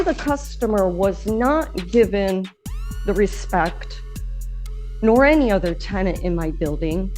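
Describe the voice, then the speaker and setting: A woman's voice: medium pitch, a little mellow. A woman addressing a judge as a litigant in a courtroom recording, rambling in stiffly formal wording.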